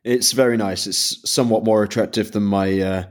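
A man's voice: lowish voice, fairly even intonation, moderate pace. A man with a Northern English accent, co-hosting a podcast in easygoing, self-deprecating banter. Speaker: podcast co-host. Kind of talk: casual chat.

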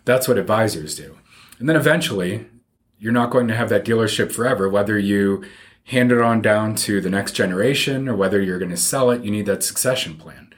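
Male financial advisor as interview guest, low voice, plain-spoken and informal, explaining conversationally. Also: a little fast.

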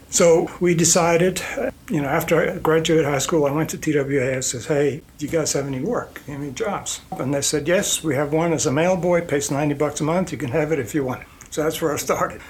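Older man, from Iceland, Icelandic native, rambling anecdotes, slightly high voice, faint room hum. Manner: rambling anecdotes with fillers and chuckles. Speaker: guest, company president. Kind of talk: relaxed storytelling interview.

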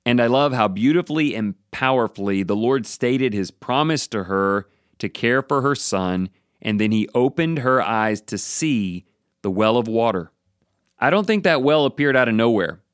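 A man's voice: mid-range voice, no echo, clean studio sound. A man giving a Bible devotional talk, earnest and speaking straight to the listener.

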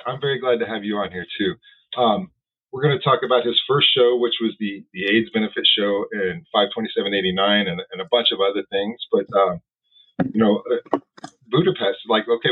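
A man hosting a podcast interview, relaxed and encouraging toward his guest. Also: fairly low pitch, a little fast. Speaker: podcast host. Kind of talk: casual interview. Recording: husky voice over a tinny phone-like line.

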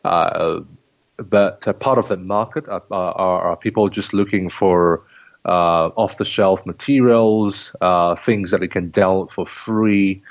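A man's voice: sits low, fairly even intonation, slow, no room sound, highs cut off. A man from Singapore with a Singaporean accent, a consultant talking in an interview with many restarts and fillers. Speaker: guest, leadership trainer and consultant. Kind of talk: interview conversation.

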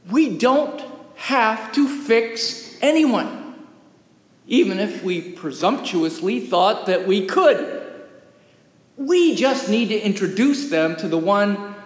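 A high-voiced man delivers a sermon at an unhurried, deliberate pace, leaving long pauses between phrases. His voice rings through a roomy old sanctuary with a long, trailing reverb. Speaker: pastor. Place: historic church sanctuary.

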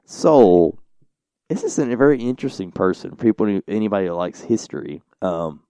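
A man co-hosting a casual podcast tells a story in a low, dark voice. He rambles, filling his sentences with "like" and "you know." The sound is dry and close. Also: expressive, moderate pace, smooth, no echo. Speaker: podcast co-host.

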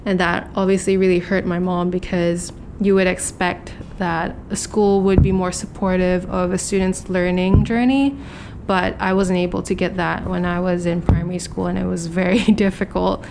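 A young woman from Hong Kong speaks as a podcast guest in a slightly low voice, telling candid stories at a quick clip with plenty of fillers. A faint rumble sits under her. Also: level tone, gravelly. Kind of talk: casual interview chat.

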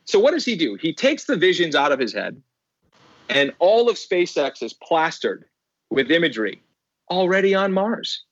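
A man's voice: a little high, sing-song, moderate pace, fairly bright tone, no echo, muffled recording. Emphatic man telling a story. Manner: emphatic, repeats words for effect. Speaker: podcast guest. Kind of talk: animated storytelling.

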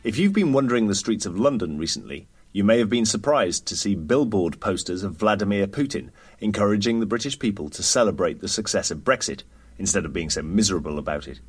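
Male interviewer-presenter, deepish and husky. Articulate scripted read with dry wit. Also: animated, fairly quick. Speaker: podcast host and interviewer. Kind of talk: scripted narration.

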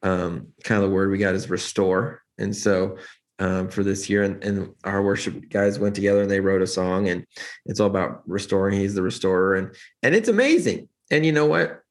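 Low-voiced dude rambling earnestly about church lighting, lots of restarts. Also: male voice, normal speed. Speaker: church lighting director, guest. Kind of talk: casual podcast interview.

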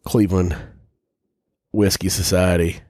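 A man's voice: deep voice, level tone, unhurried, dark tone, no room sound, clean studio sound. A man hosting a casual whiskey tasting, talking bluntly and rambling, with frequent swearing. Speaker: whiskey reviewer host.

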